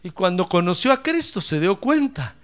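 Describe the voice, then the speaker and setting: A man's voice: high voice, very animated, normal speed. A man preaching a sermon as pastor, calling out praise and addressing listeners as brother. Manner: fiery preaching, shouting praise.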